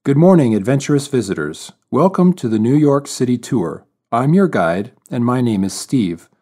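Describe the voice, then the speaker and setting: A man's voice: medium pitch, sing-song, normal speed, warm tone. A man voicing a cheerful male city tour guide in a scripted exam listening text. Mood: welcoming. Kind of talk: scripted exam dialogue reading.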